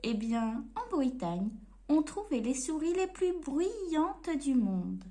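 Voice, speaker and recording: A woman reading a storybook aloud to children in an expressive, playful way. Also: high-pitched, slow pace, very noisy.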